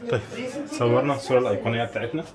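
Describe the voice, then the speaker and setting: Strolling through a tourist village's shops, a man with an Egyptian Arabic accent chats informally to his viewers as a travel vlogger. He speaks at a racing clip in a medium-pitched voice, and heavy background noise from the bustling crowd and street fills the recording.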